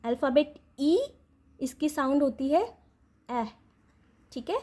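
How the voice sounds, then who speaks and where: A woman teaching letter sounds to parents, going slowly, repeating each sound and checking in often. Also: sits high, a little mellow. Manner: patient, checks in with "ठीक है?" after each point. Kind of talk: instructional explainer.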